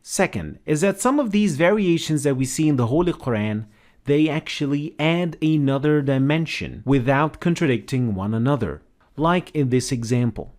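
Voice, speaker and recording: A man narrating a scripted educational explainer in a measured, explanatory way. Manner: measured, explanatory, lively pitch.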